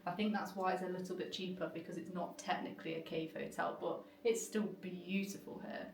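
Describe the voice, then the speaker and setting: A woman's voice: lowish voice, flat delivery, a little fast, gravelly. A British woman narrating and chatting in a travel vlog, friendly and explanatory. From Britain. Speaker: travel vlogger. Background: music.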